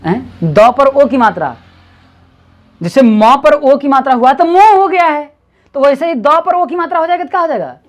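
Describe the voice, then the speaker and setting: Lively, patient woman tutor. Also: high-pitched. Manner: patient, repeats syllables slowly, coaxing and encouraging. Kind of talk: one-on-one reading lesson.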